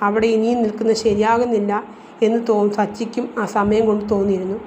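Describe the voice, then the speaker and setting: A woman reads a romance novel aloud as its narrator, in a steady storytelling manner. Her voice sits at a middle pitch. A faint noise hangs under the reading. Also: fast talker, rough recording. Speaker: audiobook narrator.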